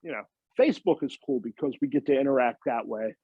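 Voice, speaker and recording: Slightly husky American man, dull lo-fi recording. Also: medium pitch, quick pace, no echo. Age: middle-aged or older. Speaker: interview guest. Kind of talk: casual interview chat.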